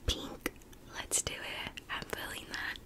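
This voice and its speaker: A young woman whispers very close to the microphone in an ASMR role-play. Her soft phrases are repetitive and soothing, mixed with tingly mouth sounds. The whispered role-play is addressed straight to the listener. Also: slow pace. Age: young adult. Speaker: ASMR video creator. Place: small indoor room. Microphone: close to the mic, facing camera.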